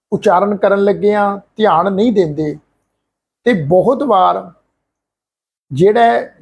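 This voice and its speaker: A man giving an earnest religious pronunciation lesson, slowly chanting scripture lines as examples. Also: sits high, darkish tone, breathy edge. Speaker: Gurbani pronunciation teacher.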